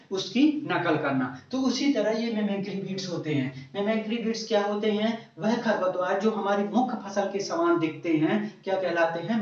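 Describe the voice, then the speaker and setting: Echoey lecturing man, answering his own questions. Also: high-pitched. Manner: asks and answers his own questions, repeating key terms. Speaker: agriculture teacher. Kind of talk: exam-coaching lecture. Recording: echoey room, distant lo-fi mic.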